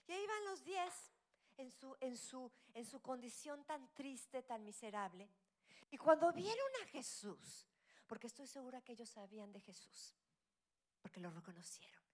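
A woman, middle-aged, preaching a sermon, her delivery swinging between loud cries and hushed whispered asides. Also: high-pitched, expressive, normal speed.

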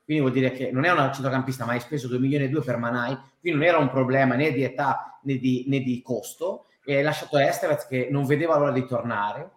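A man's voice: medium pitch, fast, hardly any pauses. A man in a casual, heated football discussion, speaking emphatically and swearing in exasperation. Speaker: football fan panelist. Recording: roomy, echoing room sound.

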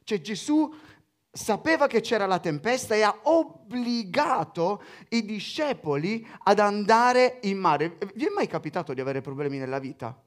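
A man delivers a sermon in a high, lively voice that swings widely in pitch. He reads scripture aloud and keeps cutting in with playful asides to the congregation. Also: normal speed. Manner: animated, joking asides while reading scripture. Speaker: preacher.

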